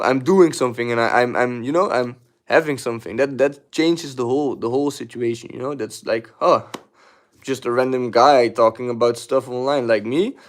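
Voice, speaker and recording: A young man casually chatting on his livestream, rambling and repeating himself as he gives advice, with casual swearing. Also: mid-range voice. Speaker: livestream host. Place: at home, sitting.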